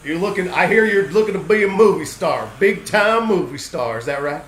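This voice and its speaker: A man from Austin, Texas, playing a smooth-talking, shady movie boss in an improvised film-noir comedy scene, flattering and overly reassuring. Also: high-pitched, brisk. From Austin, Texas, USA. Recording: roomy sound with faint background noise.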